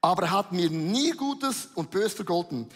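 A man's voice: high voice, lively intonation, moderate pace, a little hiss or hum. A man voicing a furious, vengeful biblical warrior in a raised, heated outburst. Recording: long reverb of a large hall.

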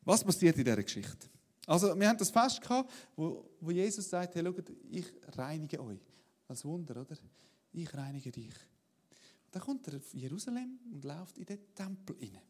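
A man preaching a sermon in a lively, conversational way, often asking "oder?". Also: on the high side, normal speed. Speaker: pastor.

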